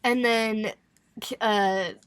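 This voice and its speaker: A woman's voice: medium pitch, very slow, clear, resonant tone, no echo. A young woman co-hosting a podcast, recapping a novel in casual chat with lots of laughter and swearing. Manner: laughing, animated storytelling with expletives. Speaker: podcast co-host.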